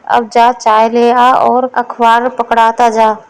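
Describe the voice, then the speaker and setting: A woman's voice: on the high side, little pitch movement, slow, clear, resonant tone, poor audio. A woman voicing a lazy, gluttonous fat man who grumbles and scolds his servant in a storybook. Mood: scolding.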